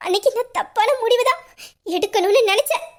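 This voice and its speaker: A woman's voice: very high voice, fairly quick, noisy background. A young woman voicing a despairing heroine devoted to her older sister, in an audio romance drama, tearful yet defiant.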